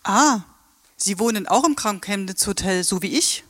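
A woman's voice: medium pitch, animated, moderate pace, a bit bright, no echo, studio quality. An actress playing a polite, formal Japanese woman tour guide in a radio play.

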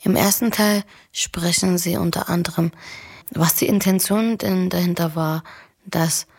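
A woman's voice: on the low side, fairly even intonation, a little slow, darkish tone, breathy edge. A woman presenter introducing an interview in a whispery voice.

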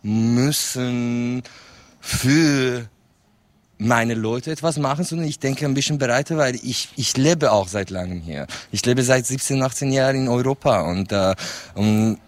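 A man from Iranian Kurdistan, native Kurdish, speaks as a panel guest. He is thoughtful and halting, often repeating himself as he works out his point. His voice sits mid-pitch and is recorded very dry. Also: no echo. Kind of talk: casual panel talk.

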